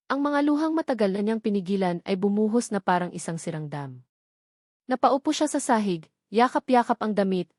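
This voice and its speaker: A woman narrates scripted romantic drama for audio love stories, her medium-pitched voice a little mellow. The studio sound is clean with no room sound.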